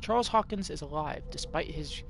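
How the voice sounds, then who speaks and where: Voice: medium pitch, expressive, a little fast, creaky, noisy background. A streamer giving live, chatty commentary on a horror game, swearing freely.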